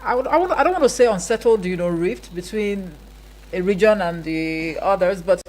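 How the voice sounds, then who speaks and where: A Nigerian woman hosting a radio interview, asking long, measured questions with frequent fillers. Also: mid-range voice, lively intonation, a little mellow, rough recording. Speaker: radio show host.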